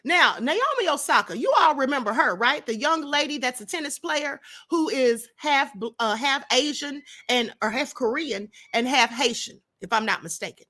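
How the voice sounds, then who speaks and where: With few pauses and a moderate pace, the livestream host talks in a high, expressive, sharp-toned voice. This middle-aged woman gives opinionated commentary to her live chat, throwing rhetorical questions at viewers.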